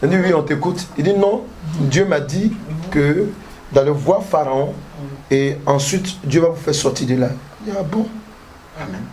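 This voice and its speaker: A male pastor preaching a sermon with emphatic call-and-response, peppered with alléluia and amen, breaking into shouts. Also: a little high, unhurried, slight background noise. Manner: bursts into shouting.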